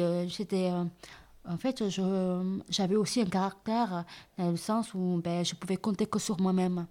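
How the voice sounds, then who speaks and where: A woman in her thirties, from southern India and raised in France, telling her life story in a hesitant way with many pauses and restarts. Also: fairly low pitch. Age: 30s. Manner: hesitant, many fillers and restarts, soft-spoken. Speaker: interviewee. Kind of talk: personal testimony.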